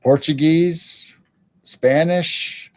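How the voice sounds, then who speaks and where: A man hosting a casual live stream, thinking aloud in halting starts while studying something on his monitor. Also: a little high, fairly even intonation. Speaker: stream host.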